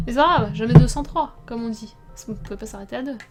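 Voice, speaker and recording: A young woman streaming a game, chatting casually with her viewers, laughing often and sometimes breaking into loud startled outbursts. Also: on the high side, brisk, over loud music. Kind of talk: casual let's play commentary.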